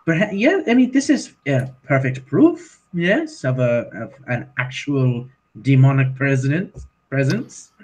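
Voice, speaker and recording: A man's voice: medium pitch, sing-song, unhurried, hardly any pauses, a little mellow, poor audio. A man voicing a theatrical, scheming doctor in a tabletop game, speaking in a grandiose, showman-like way.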